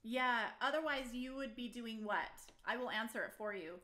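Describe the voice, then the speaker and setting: A bubbly young woman co-hosts a live stream in easy, chatty talk and laughs often. Her voice is bright and sits a little high. The room around her is echoey. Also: moderate pace. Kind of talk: casual live-stream chat. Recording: roomy echoey sound.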